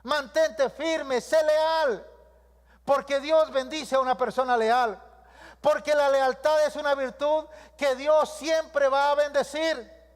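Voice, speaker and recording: A man's voice: extremely high pitch, steady tone, measured pace. A man preaching a sermon as pastor, leading the congregation in call-and-response and stacking repeated lists. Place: church hall. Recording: long reverb of a church hall.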